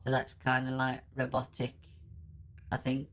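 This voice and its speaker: A man's voice: monotone, measured pace, fairly bright tone. A man talking through a robotic voice-changer filter while trying out sounds on a stream. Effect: deep robotic voice-changer filter. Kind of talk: casual live-stream chat.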